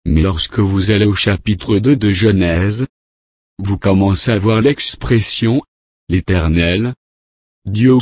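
A man preaches in a slow, deliberate cadence, reading verse after verse. His voice sits fairly low and the recording is dry and close, with no room around it. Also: dry recording. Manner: slow, measured, repeats divine names in a steady cadence. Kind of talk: slow Bible-study sermon reading scripture.

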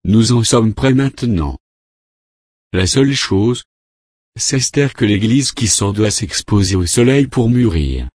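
A man preaching a sermon, reading scripture verses and quotes aloud in a measured, deliberate way. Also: lowish voice, expressive, a little mellow, no echo, clean studio sound.

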